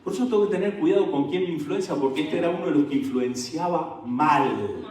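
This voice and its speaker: A male pastor preaching a sermon with animated energy, throwing questions out to his congregation. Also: a little high, brisk. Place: church sanctuary. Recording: echoey church hall, mic at a distance.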